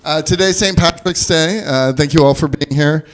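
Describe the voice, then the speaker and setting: A man with a slightly high voice presides over a civic meeting as mayor. He speaks in a formal public-address style, as if to a council room. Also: moderate pace.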